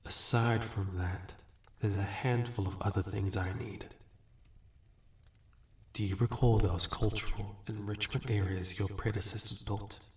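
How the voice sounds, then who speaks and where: In a scripted fantasy audio roleplay addressed to the listener, a man plays an ageless, suave, amused male demon who bargains, smug and businesslike, teasing condescendingly with unhurried courtesy. His natural voice is lowish and steady, recorded at a distance with a roomy echo.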